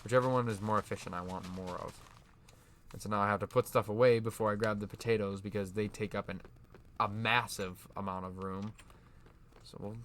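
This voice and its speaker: A young man with a fairly low voice talks his way through a game session in a loose, meandering way, stopping to restart sentences and chuckle at himself. A faint hum sits under the recording. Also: fairly bright tone. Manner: rambling, self-correcting, laughs at himself. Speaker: gaming YouTuber. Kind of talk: casual gameplay commentary.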